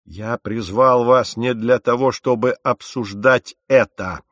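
A man's voice: medium pitch, normal speed, no room sound, studio quality, close to an everyday voice. A man voicing a stern, furious naval captain in an audiobook, sarcastic and commanding. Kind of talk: audiobook character reading.

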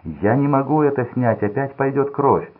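A man's voice: fairly low pitch, a little fast, husky. A man voicing a panicked, blinded young thug who pleads desperately for his life. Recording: tinny phone-like sound.

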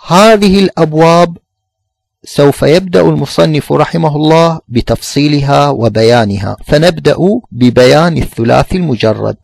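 A man teaching a formal lesson, reading a text and then explaining it in a measured way, slowing down on examples. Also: fairly high pitch, creaky, a little mellow, no echo. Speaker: teacher of Arabic morphology.

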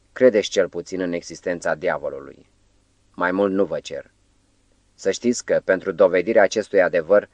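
Low, dry-sounding mysterious professor, as a male narrator puts him on, theatrical and insistent. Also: no echo, natural voice. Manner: swings from melancholy to emphatic, pleading. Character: eccentric foreign professor, mysterious, theatrical, middle-aged man.

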